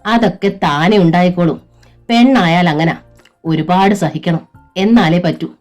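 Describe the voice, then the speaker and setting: A bossy older mother-in-law in a family storybook drama, scolding in a raised, shrill voice, as a woman reader puts her on. her natural voice sits low, and soft music plays faintly underneath. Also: measured pace, close to an everyday voice.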